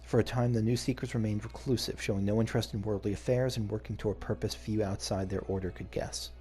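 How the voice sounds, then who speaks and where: This gamer's lowish voice is steady and dark, and he keeps a quick pace. Commenting on his playthrough over game music, he thinks out loud casually and reads on-screen story text with drama.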